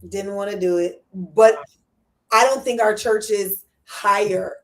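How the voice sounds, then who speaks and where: A woman's voice: mid-range voice, fairly even intonation, takes it slowly. A woman guest in a live church discussion, thoughtful and a little hesitant as she frames her questions. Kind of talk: casual discussion on church worship.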